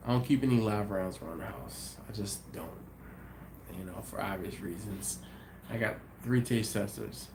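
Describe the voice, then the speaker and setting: A man with a lowish voice speaks at normal speed against a noisy background. He hosts a relaxed livestream, going through viewer comments in a rambling, easygoing manner while sounding a bit sniffly and congested. Ums and restarts pepper his thinking aloud.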